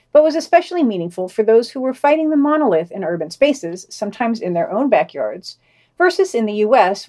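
Female podcast co-host, reads news roundup, animated pitch, wry throwaway jokes. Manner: wry, offhand jokes after reading items. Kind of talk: reading a weekly news roundup with commentary.

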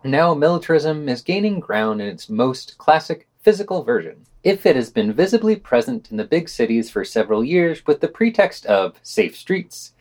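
A man's voice: fairly high pitch, big pitch swings, normal speed, few pauses, a little mellow. A man co-hosting a podcast, reading a weekly news roundup and dropping sardonic, opinionated asides between the quotes. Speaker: podcast co-host.

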